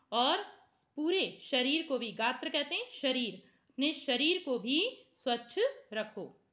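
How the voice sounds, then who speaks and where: A woman leads a classroom lesson in a high, bright voice. She reads each word pair at an unhurried pace, then adds quick explanations. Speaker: Sanskrit teacher.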